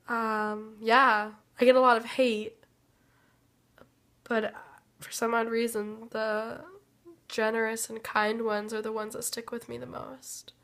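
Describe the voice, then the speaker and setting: Slow, flat-voiced sick woman rambling. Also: fairly high pitch, gravelly. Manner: hesitant, trailing off with many fillers. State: sick, rough voice. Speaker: vlogger. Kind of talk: rambling personal update.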